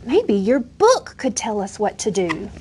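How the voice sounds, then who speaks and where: A woman's voice: mid-range voice, sing-song, unhurried, a little mellow, slight background noise. Woman playing an earnest young knight. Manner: earnest, encouraging.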